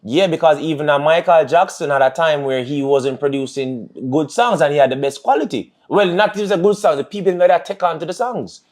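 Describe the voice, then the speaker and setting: Higher-pitched Jamaican man making his case. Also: a little fast, few pauses, a little mellow. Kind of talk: casual music debate.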